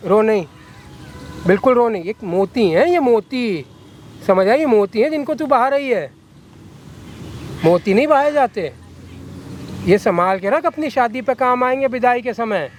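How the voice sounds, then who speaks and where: A man's voice: very high-pitched, lively intonation, a little slow, pauses often, a little hiss or hum. A man playing a corrupt, coercive lawyer who talks down to a girl in a coaxing, threatening way. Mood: condescending. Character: corrupt scheming male lawyer, menacing and coercive. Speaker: villain in a short film.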